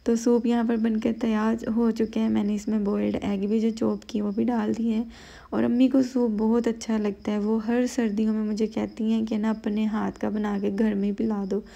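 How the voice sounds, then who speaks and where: A tired woman from Pakistan with a Pakistani Urdu accent, talking slowly and quietly through her cooking vlog voice-over at home late at night. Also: fairly high pitch, level tone, gravelly, lo-fi sound. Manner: slow, quiet, unhurried talk, full of "you know" fillers. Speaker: vlogger.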